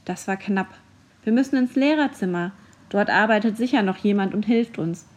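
A woman's voice: medium pitch, normal speed, lightly acted. A woman voicing a frightened tiny schoolgirl in a children's audiobook, in a raised, pleading tone. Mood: breathless.

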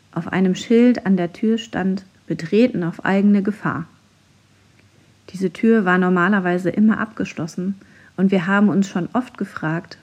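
A woman narrating a children's story in the first person, steady and unhurried. Her voice sits at a middle pitch with a soft, husky breathiness. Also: dull audio. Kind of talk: reading a children's story aloud.

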